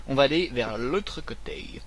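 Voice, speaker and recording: Co-hosting a gaming channel, this man casually breaks down game mechanics amid jokes and banter in a relaxed let's-play commentary. His mid-range voice is animated yet slow, with some vocal fry, over slight background noise.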